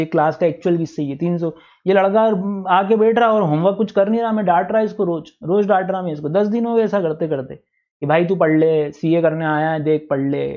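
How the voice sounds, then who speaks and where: A male teacher giving a classroom lecture, who keeps asking the class for quick answers. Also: sits high, a little mellow. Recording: dull lo-fi classroom recording.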